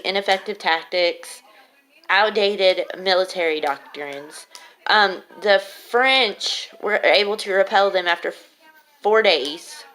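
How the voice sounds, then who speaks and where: A woman speaks at a slow pace in a mid-range voice, her articulation slightly off from a swollen lip. She gives an informal academic presentation as a student, hesitant and halting, with long pauses between phrases. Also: medium pitch, a bit bright, poor audio. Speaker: college student giving a class presentation.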